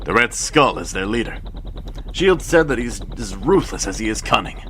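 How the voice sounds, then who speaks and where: Captain America, bright-voiced commanding hero played by a man. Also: on the low side, lively intonation, normal speed, a little hiss or hum. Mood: urgent, commanding. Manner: earnest, commanding. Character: steady, commanding male soldier hero captain. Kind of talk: audio drama acting.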